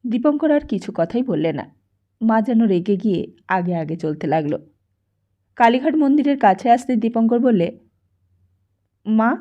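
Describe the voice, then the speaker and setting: A woman reading a novel aloud as an audiobook narrator with calm storytelling, in a dull lo-fi recording. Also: fairly high pitch, moderate pace. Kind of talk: scripted narration.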